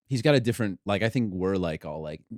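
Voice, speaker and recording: A young man, a comedian guest, chatting casually on a podcast, animated and laughing often, slipping into quoted voices. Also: low-pitched, quick pace, no echo, clean studio sound.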